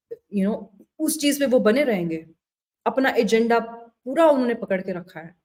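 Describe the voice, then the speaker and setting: A woman's voice: mid-range voice, a little mellow. A woman giving indignant political commentary, switching between Hindi and English phrases. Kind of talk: opinion commentary to camera.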